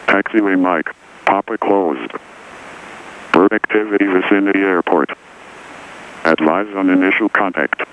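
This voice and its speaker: A man's voice: low-pitched, unhurried, pauses often. A man reading a recorded airport weather broadcast over the aircraft radio in clipped, formal aviation phrasing. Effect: automated airport weather broadcast over aircraft radio. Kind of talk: recorded airport weather and runway information readout. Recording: tinny radio with hiss.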